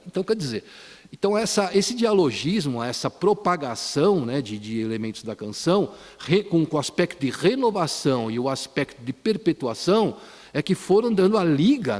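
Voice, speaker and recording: A man giving an academic lecture at a conference, often ending phrases with a tag question and restarting words. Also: medium pitch. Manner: frequent tag questions and restarts, quotes lyrics. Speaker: conference speaker. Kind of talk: academic lecture on popular song. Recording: reverberant hall.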